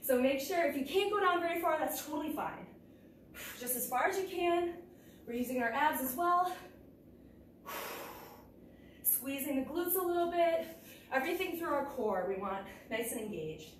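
Calling out kickboxing moves in clipped cues as she exercises, a young woman speaks in a high, lively voice at a moderate pace with long pauses. The recording is echoey and noisy, taken from a far camera in a large indoor gym with mats.

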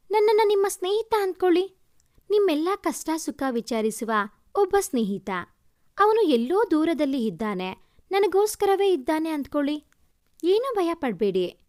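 A woman's voice: very high-pitched, a little mellow, dry recording, clean studio sound. Woman voicing a teasing mysterious young man. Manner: teasing, coaxing.

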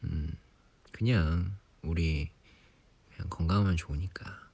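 A young man in his twenties, relaxed and chatty on a sleepy late-night livestream, teasing himself for nagging like an elder. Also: low-pitched, measured pace, vocal fry, breathy edge. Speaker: idol livestream host. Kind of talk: casual livestream chat. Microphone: phone or device mic, voice-only live.

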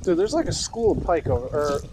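On a lake, a young man fishes from a small boat and banters casually, cursing without restraint in a fairly high, animated voice that runs a little fast. He's a fishing vlogger filming on an action camera, and the background is noisy.

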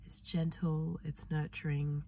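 A woman vlogger talking softly and gently in a reflective personal diary, her voice affected by a sore, swollen throat. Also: low voice, flat delivery, unhurried, vocal fry, recorded from a distance, slight background noise. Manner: soft, gentle, meandering, with many fillers.

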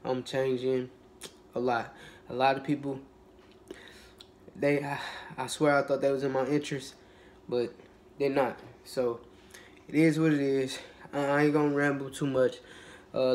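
A young man in a casual mukbang vlog, who rambles in a relaxed, low-energy way with lots of fillers and restarts and has a cold. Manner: low-energy, laid-back. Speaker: YouTuber.

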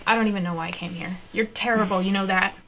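An actress playing a blunt, hurt friend who also narrates a scripted web series. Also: female voice, mid-range voice, fairly even intonation, fast, sharp tone, slight background noise. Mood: hurt, angry.

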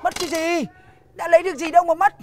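An actor playing a bumbling, flustered husband who stammers and pleads in a comedy film. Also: male voice, very high-pitched, fairly even intonation, quick pace, music in the background. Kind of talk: comic film acting.

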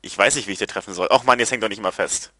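A man giving casual gameplay commentary, excitable and quick to curse, yelping at his failures. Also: fairly low pitch, slightly rough. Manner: excitable, yelps and groans at failures. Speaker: let's player.

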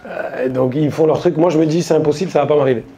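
Guy doing stand-up, slangy storytelling, slightly high but mellow voice. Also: steady tone, a little hiss or hum. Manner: casual slangy storytelling, quoting friends in quick asides. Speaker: stand-up comedian. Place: stage before a live audience.

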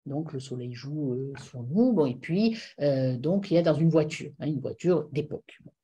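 Hesitant woman lecturing, low husky voice. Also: expressive, moderate pace, mellow, muffled recording. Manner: digressive, many hesitations and fillers. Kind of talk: online lecture on song lyrics. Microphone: video call.

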